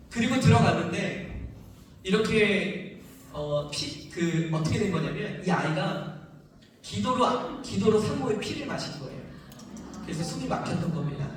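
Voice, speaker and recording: A man's voice: high voice, a little hiss or hum. A man telling a personal testimony in a sermon, with emotional storytelling that acts out voices and sounds. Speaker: preacher giving testimony. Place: church sanctuary. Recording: echoey church hall from far off.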